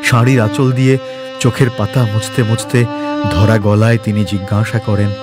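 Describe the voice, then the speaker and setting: A man narrating a cartoon story in a lively, expressive reading style. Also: on the low side, moderate pace. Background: background music.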